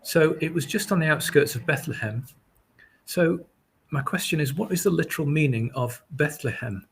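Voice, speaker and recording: A man hosting a webinar casually, halting and friendly with many fillers. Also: a little high, vocal fry, a bit bright, slightly rough. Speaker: webinar host.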